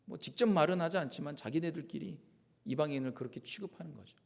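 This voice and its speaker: A man's voice: a little high, fast, gravelly. A male pastor preaching a Sunday sermon with emphasis and drama, acting out the voices of the people he talks about, recorded in a church sanctuary. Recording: long church-hall reverb.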